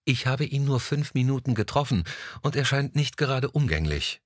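A man's voice: mid-range voice, big pitch swings, moderate pace, dry recording, clean studio sound, pitched above the performer's own voice. A man reading an audiobook, voicing a blunt, stubborn young woman who speaks curtly and insistently with a raised voice. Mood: indignant. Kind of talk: audiobook dialogue.

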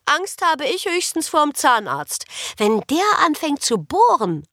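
A woman's voice: sits high, takes it slowly, no room sound, studio quality, pitched above the performer's own voice, exaggerated voice. Woman doing a bubbly chattering girl. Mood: teasing. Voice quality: bright, chattering, excitable. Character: chatty, cheeky human girl, bubbly and outspoken. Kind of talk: audiobook character voice.

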